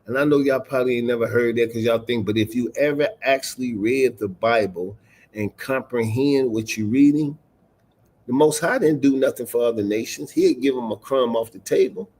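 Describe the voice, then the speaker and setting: A man teaching scripture on a livestream, mixing casual slang with slow, stressed readings of old verses. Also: mid-range voice, darkish tone. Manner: emphatic, stresses single words while reading scripture aloud; casual street slang mixed with King James reading. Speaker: religious teacher.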